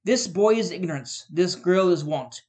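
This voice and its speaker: A man's voice: moderate pace, natural voice. A man voicing a stern, sorrowful ghost. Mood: stern warning. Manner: booming, warning, forceful. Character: grave male Ghost of Christmas Present, aging, sorrowful, stern.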